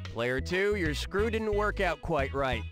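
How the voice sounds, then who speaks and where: A man's voice: a little high, animated, slow. A man playing a wisecracking, sarcastic quiz show host in a video game, with a snarky, punning delivery. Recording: game audio with loud music behind. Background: loud game music.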